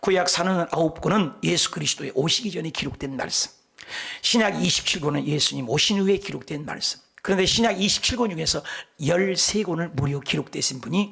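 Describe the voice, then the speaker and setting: Middle-aged male pastor with a rough, breathy voice and lively pitch, preaching with jokes and sudden whispers. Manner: animated preaching, drops to whispers for emphasis; tells folksy jokes between scripture points. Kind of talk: sermon.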